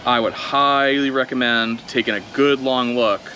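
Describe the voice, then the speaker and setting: A man's voice: mid-range voice, normal speed, slight background noise. Chatty man commenting outdoors while flying. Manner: relaxed, chatty, thinking aloud while flying. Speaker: drone video creator. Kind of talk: casual first-flight commentary.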